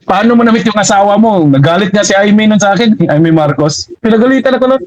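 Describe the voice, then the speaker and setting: Animated Filipino man telling stories. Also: sits high, quick pace, highs cut off, a little hiss or hum. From Mindanao, Philippines. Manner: animated, lively storyteller. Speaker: guest comic artist. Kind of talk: casual storytelling.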